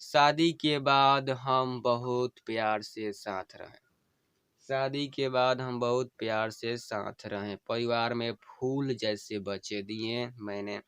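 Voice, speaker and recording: A man's voice: medium pitch, fairly bright tone, clean tone, dry recording. A man reading the farewell words of a dying wife to her husband, tender and repeating each plea twice. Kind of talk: emotional story reading.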